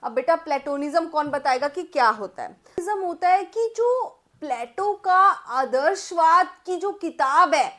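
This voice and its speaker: A woman teacher with an Indian accent giving a vocabulary lesson, mixing Hindi and English, addressing students as "beta" and dictating definitions slowly while she writes. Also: extremely high pitch, lively intonation, a bit bright.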